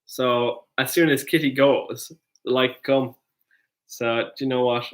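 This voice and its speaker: A man's voice: medium pitch, fairly even intonation, unhurried. A young Irish man who has had a few drinks, chatting loosely and jokingly as co-host, full of restarts. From Ireland. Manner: rambling, loose and jokey, many restarts. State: tipsy. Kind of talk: casual chat.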